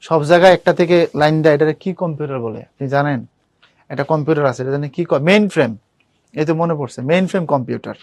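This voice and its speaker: A young man tutors an online university admission class, chatting casually, speaking directly to students and quizzing them. His voice is on the high side with a darkish tone, and he talks quickly. The clean studio recording has no room sound.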